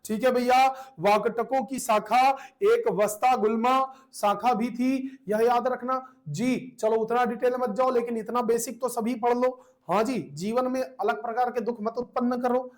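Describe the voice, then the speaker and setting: A man with a high-pitched voice runs an exam coaching lesson. He repeats each answer several times and nags his students in a playful, scolding way. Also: steady tone, unhurried. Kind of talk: online class quiz lesson.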